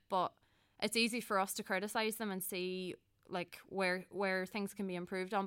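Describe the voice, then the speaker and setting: This young adult woman, from County Donegal in Ireland and with the local accent, is a student election candidate answering interview questions in an earnest, chatty way and often self-correcting. Her medium-pitched voice is a bit bright and clean, recorded in a clean studio with no room sound.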